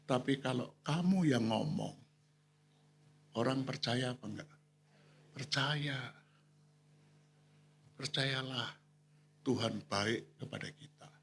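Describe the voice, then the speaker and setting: A man's voice: medium pitch, vocal fry, slight background noise. An older man, a retired pastor, preaching in a conversational storytelling way and acting out the voices of the people he quotes. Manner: acts out quoted voices, briefly sings hymn lines. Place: church hall.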